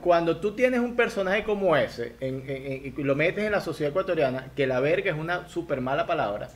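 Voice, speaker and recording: A man's voice: on the high side, animated, brisk. A man from Venezuela with a Lara-region Venezuelan accent, a stand-up comedian chatting as a guest in an interview. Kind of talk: casual interview chat.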